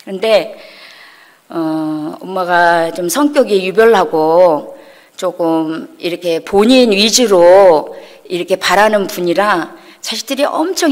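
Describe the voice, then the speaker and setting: A woman's voice: on the low side, a little mellow. Woman giving emotional church testimony, reverberant hall. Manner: emotional storytelling, acts out quoted dialogue. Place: church sanctuary.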